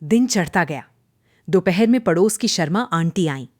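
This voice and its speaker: Lively woman narrating a cartoon story. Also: lowish voice, normal speed, no room sound, studio quality. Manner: dramatic storytelling.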